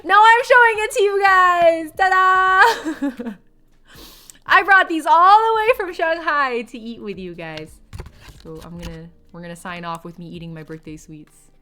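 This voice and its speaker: A woman's voice: very high voice, a little slow, sharp tone. A woman in her late twenties, a streamer, chatting casually and rambling, giggling often and swearing offhand. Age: 20s. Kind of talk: casual chat with live chat.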